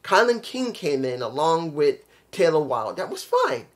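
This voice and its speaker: A New York City man with a New York accent and a fairly high, very animated voice speaks at a measured pace in a casual solo video review of a wrestling show, rambling, being blunt, and often repeating himself.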